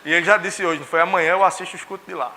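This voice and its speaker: A young man preaches a sermon. His voice sits high and rings with a bright, forceful edge. He tells stories by acting out the dialogue of his family members. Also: fairly even intonation, racing. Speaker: pastor. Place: church.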